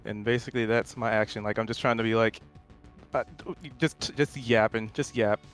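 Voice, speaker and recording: A man's voice: on the low side, steady tone, fairly quick, a bit bright, soft background music. A man playing a tabletop role-playing game, talking hesitantly with many stammers and restarts. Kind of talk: casual tabletop game chat.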